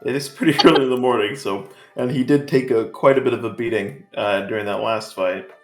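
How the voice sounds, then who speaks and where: A man's voice: medium pitch, brisk. A man narrating as game master of a tabletop game, rambling with many fillers. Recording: echoey room with faint music.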